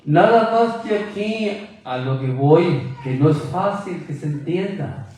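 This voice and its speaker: A man's voice: a little high, animated, slow pace, darkish tone, far from the mic, a little hiss or hum. A man preaching a sermon with emphasis, quizzing his listeners with rhetorical questions. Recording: very echoey room, voice from afar.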